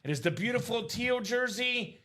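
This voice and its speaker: A man in his thirties hosting a live card break, chatty and energetic, calling out names and teams. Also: very high voice, moderate pace. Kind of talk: live stream commentary.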